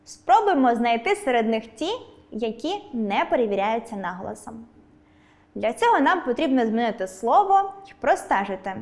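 A woman teacher giving a scripted online lesson, speaking clearly and stressing each example word. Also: a little high. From Ukraine.

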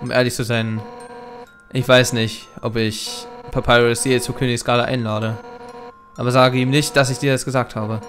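Man reading fierce female fish warrior captain, game dialogue, boisterous, medium pitch, faint music behind. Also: close to an everyday voice. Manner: boisterous, loud bursts, chuckling. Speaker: Let's Play gamer reading dialogue.

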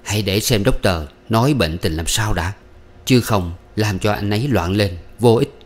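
Man doing firm older brother, low commanding voice, storybook. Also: moderate pace, lightly acted. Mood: urgent. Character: eldest brother, firm and caring.

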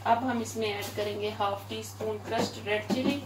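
In her home kitchen, a Pakistani woman with an Urdu accent hosts a cooking channel, explaining each step calmly and repetitively while pointing things out to viewers. Her voice is mid-range at normal speed, and heavy background noise from clattering dishes and pans fills the recording.

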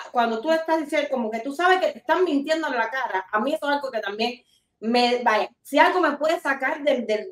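A woman hosting a talk show, giving animated, scolding commentary. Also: sits high. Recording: roomy, distant mic.

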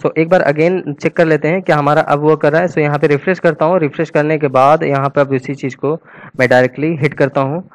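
A man's voice: on the high side, fairly even intonation, brisk. Man thinking aloud through a coding tutorial. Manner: casual, thinks aloud while typing, mixes English terms into Hindi. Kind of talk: screen-recorded coding tutorial.

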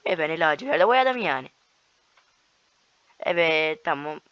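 A young man giving casual, excitable commentary over his own gameplay, taunting opponents as he plays. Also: fairly high pitch, unhurried, clean tone, dry recording. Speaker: gaming YouTuber. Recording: slightly dull lo-fi sound.

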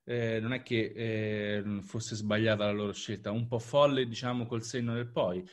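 Flat, low-voiced man, measured. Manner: measured, hedging with fillers. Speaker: podcast co-host. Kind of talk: casual panel discussion.

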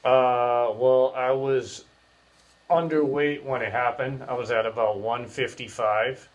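A man's voice: mid-range voice, steady tone, slow pace. A man in his thirties hosting a casual podcast, speaking through clenched teeth with his jaw wired shut, rambling and slangy. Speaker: podcast host. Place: small bare room, indoors.

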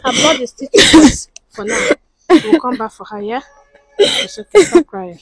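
A woman's voice: high-pitched, sing-song, normal speed, crowd noise, rough recording. A woman acting a friend who pleads with a mother to forgive and then soothes the crying daughter. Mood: soothing. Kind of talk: skit drama acting.

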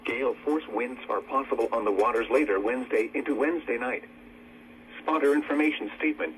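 A man's synthetic weather radio voice reads a scripted forecast in a measured, automated delivery over a radio broadcast. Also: medium pitch. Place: small cluttered room, played from a portable weather radio. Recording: noisy radio speaker picked up in a room.

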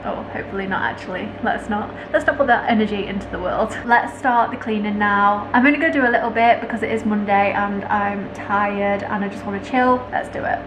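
A woman's voice: medium pitch, brisk, few pauses, background noise. A young woman talking to a camera held at arm's length, chatting in a rambling, upbeat way from her home and her parked car. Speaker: vlogger. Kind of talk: casual vlog chat to camera.

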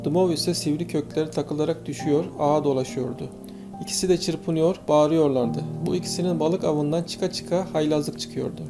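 A man narrating an audiobook in a steady storytelling manner. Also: a little high, moderate pace. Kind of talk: scripted narration. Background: faint guitar music.

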